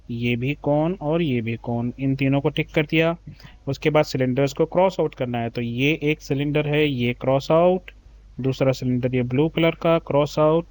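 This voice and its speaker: A patient male teacher walks young pupils through a maths workbook. His voice sits a little high for a man. He reads English questions slowly, then explains them in Hindi. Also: a little mellow. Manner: patient, addresses children as beta. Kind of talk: explaining a class 3 maths textbook.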